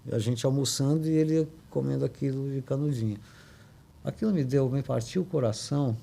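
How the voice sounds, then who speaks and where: Older guy from brazil, gravelly dark voice, telling a sad family story, lots of restarts. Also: mid-range voice, a little hiss or hum. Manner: halting, many restarts and tag questions. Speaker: podcast guest. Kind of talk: emotional personal storytelling.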